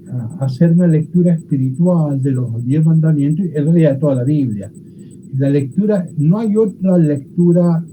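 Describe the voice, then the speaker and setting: A Bible teacher gives a classroom lecture. The teacher explains step by step and often checks understanding with quick questions. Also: medium pitch, dark tone, a little hiss or hum, low-quality recording.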